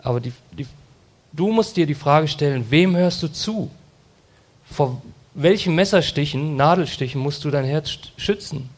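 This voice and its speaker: A man's voice: a little high, animated, moderate pace. A man preaching a sermon, talking earnestly and directly to his listeners, now and then acting out quoted phrases. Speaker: pastor.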